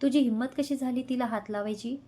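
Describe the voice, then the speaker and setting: A woman reading the part of a passionate, quick-tempered young man in a spoken love story, with intense, heated delivery. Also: a little high, warm tone, lightly acted. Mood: angry.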